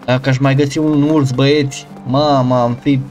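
Excitable male streamer, swears often, game music in the mix. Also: medium pitch. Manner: excitable, swearing, yelps when scared. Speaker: gaming streamer. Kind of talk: casual gameplay chat.

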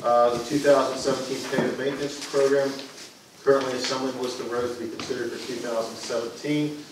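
A man reports on road and bridge projects in a level, matter-of-fact way, with frequent fillers. His voice stays flat in pitch and sounds distant from the mic. The room echoes heavily and noise sits underneath. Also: fast talker. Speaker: borough engineer. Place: council chamber.

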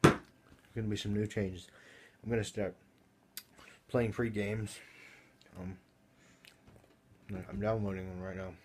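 A man's voice: on the low side, level tone, slow pace, long pauses, noisy background. A young man hosting his own gaming channel, chatting casually and rambling with fillers, sometimes talking with his mouth full. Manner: laid-back, rambling with fillers, eating while talking. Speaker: YouTube gaming channel host. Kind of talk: casual vlog chat.

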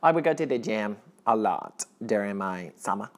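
A young man, an actor, plays a naive Colombian teacher in an apartment kitchen, speaking earnest broken English with a strong Colombian Spanish accent and sudden jumps in pitch. His delivery is expressive and moderately paced, close to an everyday voice, suited to a deadpan comedy sketch.

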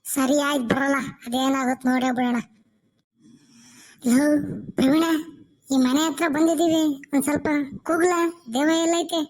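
A woman's voice: sits high, little pitch movement, moderate pace, long pauses, darkish tone, natural voice. Woman voicing a jumpy village boy. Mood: resigned. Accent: rural Tumkur Kannada.

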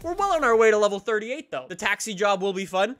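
A young man commentating a racing game let's play, excitable and energetic, sometimes breaking into shouts. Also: high-pitched, fast talker, soft background music. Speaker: gaming YouTuber.

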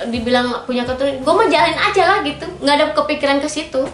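A woman's voice: sits high, very fast. A woman, speaking frankly and firmly as a guest about her own life. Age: 30s. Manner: frank and firm, many filler tags. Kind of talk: candid personal interview. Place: small indoor pink-decorated studio. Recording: roomy echo with faint background music.

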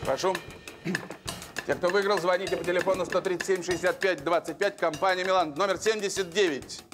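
A middle-aged man hosting a TV lottery show as a bingo caller, announcing numbers and prizes in a theatrical, drawn-out showman's manner. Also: sits high, steady tone, over music. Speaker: TV lottery game show host. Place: TV studio with seated audience.

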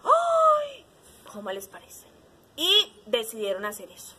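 Teacher lady dressed up as mother nature telling kids a story in a garden, sing-songy and super lively. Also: high-pitched, a little slow. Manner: animated, exclamatory, sing-song. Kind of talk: storytelling to young children. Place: outdoor garden.

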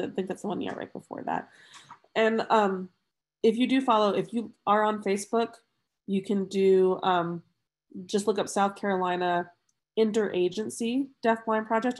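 A nasal-voiced woman presents on a video call. She talks fast and friendly, pitched a little low for a woman. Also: a little mellow. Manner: quick, friendly, uses y'all. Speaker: webinar presenter. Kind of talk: fast-paced webinar wrap-up.

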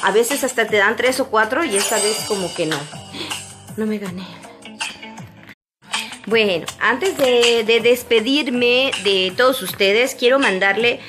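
A woman's voice: fairly high pitch, measured pace, over music. A woman from Mexico, chatting casually to her viewers and rambling, repeating words and using fillers. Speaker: vlogger.

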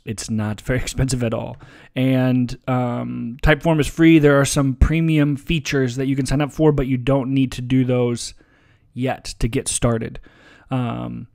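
A man presenting a relaxed, casual software tutorial over a screen recording, with frequent ums and uhs. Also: mid-range voice. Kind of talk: screen-share software walkthrough.

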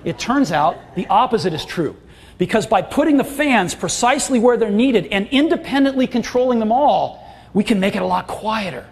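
A man's voice: sits high, animated, normal speed, creaky. A middle-aged man giving a product launch keynote on a large auditorium stage, with emphatic, enthusiastic salesmanship. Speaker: keynote presenter. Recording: long hall reverb, faint crowd.

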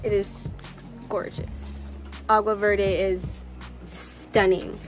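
A woman's voice: mid-range voice, flat delivery, slow pace. A young woman chatting upbeat to her phone camera on a sailboat deck, narrating her sailing trip. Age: young adult. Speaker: sailing vlogger. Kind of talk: casual vlog narration. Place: outdoor deck of a sailboat at sea. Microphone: phone held at arm's length. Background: loud background music.

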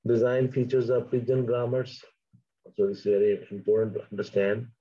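A man's voice: medium pitch, flat delivery, moderate pace, mellow, husky, lo-fi sound. A man whose first language is Urdu, giving an academic linguistics lecture. He reads from his notes, then explains in plain asides.

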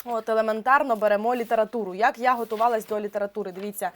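Жвава молода вчителька з високим голосом. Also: female voice, fairly high pitch, very fast. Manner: lively, explains with examples and fillers. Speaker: teacher. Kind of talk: exam-prep lesson.

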